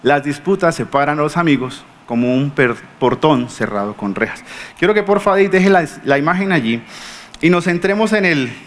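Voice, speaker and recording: A man preaching a sermon in a Colombian accent, telling stories lively and acting out the people he quotes, often asking the congregation questions. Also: fairly high pitch, normal speed. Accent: Colombian Spanish. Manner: animated storytelling, acting out quoted speakers.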